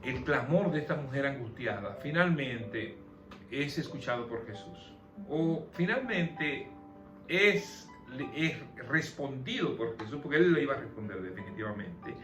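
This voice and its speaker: A man with a medium-pitched voice and lively intonation leads a conversational Bible study, a little slowly, explaining the passage and asking his listeners questions. There's soft music behind him, and the room is echoey.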